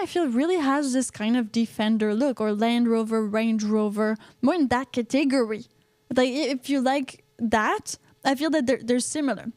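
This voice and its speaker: A woman's voice: sits high, a little mellow, dry recording. A woman from Quebec with a Québécois French accent, hosting a casual live podcast and chatting through viewer comments, often repeating words as she reads. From Quebec, Canada. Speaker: podcast host reading live chat. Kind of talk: casual livestream chat.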